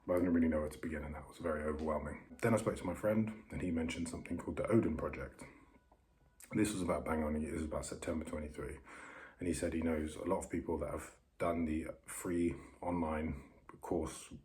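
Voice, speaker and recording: Very deep, hushed man, flat and low-key. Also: brisk, a little hiss or hum, rough recording. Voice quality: very quiet, hushed voice. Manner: self-conscious, keeping voice down so others nearby don't hear. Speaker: vlogger documenting learning to code. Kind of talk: casual vlog talk. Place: upstairs bedroom in a holiday home.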